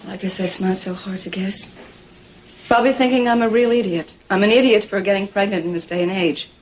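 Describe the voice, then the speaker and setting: A woman's voice: mid-range voice, brisk, lightly acted, rough recording. An actress playing an anxious, proud young pregnant woman in a 1980s soap opera, talking hesitantly with stumbling restarts. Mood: anxious, defensive.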